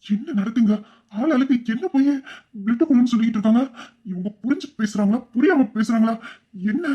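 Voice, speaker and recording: A voice actor playing a hot-tempered young man who shouts in confusion and then turns low and bitter. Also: expressive, brisk, slightly rough, highs cut off. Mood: confused.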